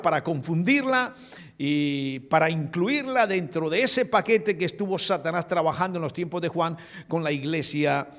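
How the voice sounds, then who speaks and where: Earnest preaching pastor in a reverberant church. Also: male voice, on the high side, a bit bright. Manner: earnest preaching, addresses listeners as beloved, many restarts. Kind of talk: sermon.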